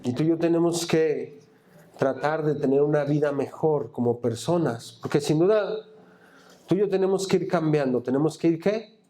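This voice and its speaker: A man's voice: on the high side, normal speed, warm tone. A man preaching in church, reading scripture and asking the congregation to fill in the words. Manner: call-and-response questions to the congregation; reads scripture aloud and comments on it. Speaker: pastor. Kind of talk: sermon.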